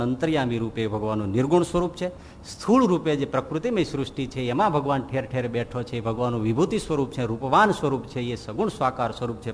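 Swami preaching, fairly high voice, lively jokey storytelling, echoey hall w/ a bit of hiss. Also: male voice. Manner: lively storyteller, acts out characters' lines and chuckles at his own jokes. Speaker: swami giving a scripture discourse. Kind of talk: sermon with humorous anecdotes. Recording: long hall reverb with faint background noise.

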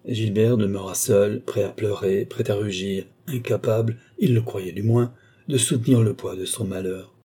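Low, husky male narrator. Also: steady tone, moderate pace, warm tone. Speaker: audiobook narrator. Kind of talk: scripted narration of a classic novel.

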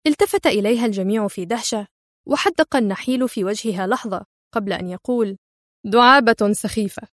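A woman narrating a crime thriller story in a steady, expressive reading. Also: mid-range voice, quick pace, no echo, studio quality.

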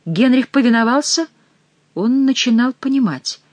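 A woman narrating an audiobook in an expressive storytelling manner. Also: a little high, moderate pace, dry recording.

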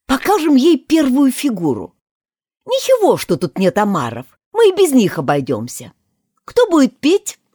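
A woman's voice: high-pitched, huge pitch swings, moderate pace, warm tone, breathy edge, dry recording, clean studio sound, voice pushed up, exaggerated voice. A woman voicing a sobbing, sentimental male sea creature who cries out his lines and sings them. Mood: excited. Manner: tearful, exclamatory, singsong.

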